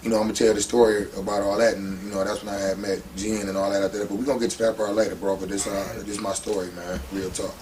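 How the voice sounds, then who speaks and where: A man's voice: lowish voice, little pitch movement, fast talker, hardly any pauses, darkish tone, distant mic, a little hiss or hum, poor audio. A man being interviewed, telling a long personal story in casual, slangy street talk with many fillers.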